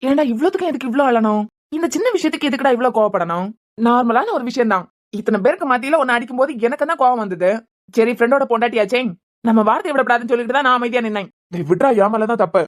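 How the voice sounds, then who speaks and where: A woman's voice: a little high, close to an everyday voice. A woman voicing a scolding, hot-tempered young man in a cartoon serial, with a Kanyakumari Tamil accent. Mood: brooding. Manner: fast, scolding, argumentative. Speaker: voice artist.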